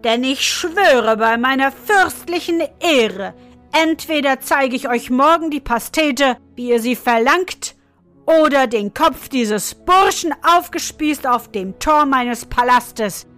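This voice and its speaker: A woman voicing a hot-tempered male duke who shouts threats at his cook, in a storybook reading. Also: a little high, expressive, measured pace, faint music behind. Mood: furious.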